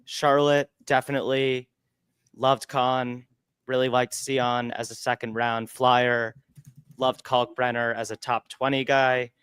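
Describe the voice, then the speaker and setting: A man's voice: mid-range voice, level tone, slow, fairly bright tone, clear, resonant tone, dry recording. A man co-hosting a livestreamed podcast, giving upbeat, analytical draft takes into a close microphone. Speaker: podcast co-host.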